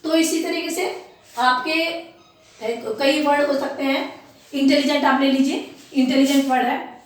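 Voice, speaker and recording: A woman gives a classroom grammar lesson with a high voice. She explains slowly and repeats each example word. She sounds set back from the mic in a very echoey room. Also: fairly even intonation, distant mic. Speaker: English teacher.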